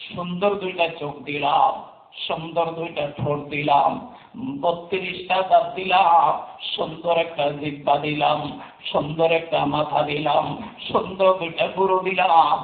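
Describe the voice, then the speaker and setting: A man preaches a sermon, stacking line after line of repeated refrains that climb into loud, sing-song peaks. His voice sits high, and the recording is echoey and thin, like a phone line. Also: steady tone, moderate pace. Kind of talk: Islamic sermon. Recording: echoey, phone-like tinny sound.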